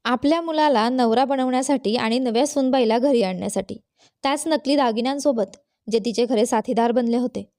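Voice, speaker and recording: A woman storyteller reading a moral tale in a steady, even manner. Her voice is fairly high yet mellow, recorded dry and close with no room sound. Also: brisk, no echo. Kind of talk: scripted narration of a moral story.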